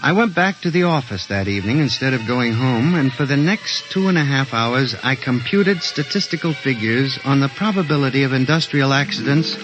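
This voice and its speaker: A man narrates and plays the lead in a 1950s radio drama, portraying a timid, middle-aged statistics clerk who is hesitant and earnest. His voice sits at medium pitch with lively intonation, moving at normal speed with hardly any pauses. The recording is muffled and lo-fi, like an old radio broadcast, with music.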